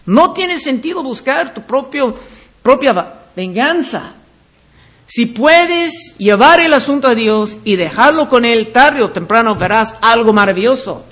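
High-voiced man preaching a sermon. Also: fairly bright tone. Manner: reads scripture passages aloud, with slips and restarts. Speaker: pastor.

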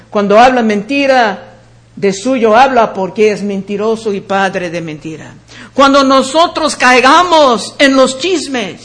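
Earnestly preaching a sermon, a man addresses his listeners as brothers and sisters and reads scripture verses aloud along with their references. His voice is extremely high-pitched and a bit bright.

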